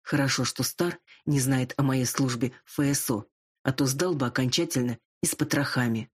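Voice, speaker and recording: A woman's voice: extremely low pitch, fairly even intonation, normal speed, slightly rough. A woman reading a first-person audiobook with a wry storytelling manner. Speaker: audiobook narrator.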